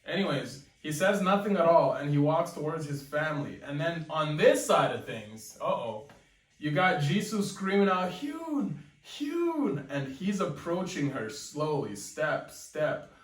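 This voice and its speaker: Excitable young man in an echoey room. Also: on the high side, measured pace. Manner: excited, exclaims "yo" often. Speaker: webcomic reaction host. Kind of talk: live reading reaction. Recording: echoey room, mic at a distance, faint music.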